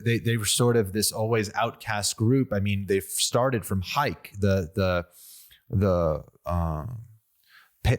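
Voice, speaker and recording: A young American man with a lowish voice, whose first language was Armenian, hosts a podcast. He keeps the conversation casual, hesitating and restarting often.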